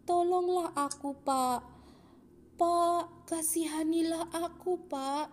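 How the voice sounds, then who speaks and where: A woman voicing a blind male beggar, pleading and calling out in loud, high cries in a children's Bible story. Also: steady tone, slow, in a large hall.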